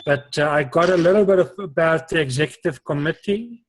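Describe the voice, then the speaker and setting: A man's voice: fairly high pitch, fairly quick. A man joining a meeting remotely over a call line, answering briefly and apologetically. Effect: remote voice over a call line, distant from the mic. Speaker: meeting participant. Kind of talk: casual meeting talk.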